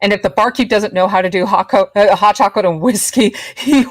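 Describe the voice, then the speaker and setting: A woman playing a tabletop game, chatting casually with quick laughing asides. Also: medium pitch, dry recording. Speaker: player.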